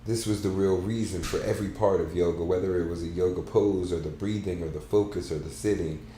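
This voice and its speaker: A man hosting a book club, reading a book aloud in a soft, halting, measured way. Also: sits low, fairly even intonation. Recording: roomy echo, faint background hum.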